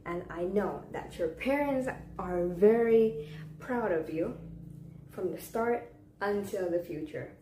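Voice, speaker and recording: A young woman delivers a memorized contest speech in a deliberate, theatrical way, with pauses and rhetorical questions. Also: mid-range voice, animated, warm tone. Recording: echoey room with faint background noise.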